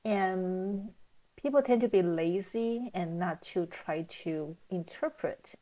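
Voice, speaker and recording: A middle-aged woman hosts reaction videos, commenting casually in a halting, reflective manner and frequently rephrasing. Her voice sits on the low side with a dark tone.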